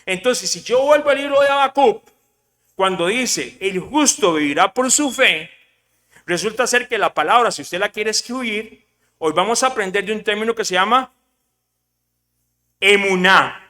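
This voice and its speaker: High, bright-voiced preacher in a reverberant hall. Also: male voice, normal speed. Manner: lively preaching, rhetorical questions to the congregation, mixes in English words. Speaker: pastor. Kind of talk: sermon.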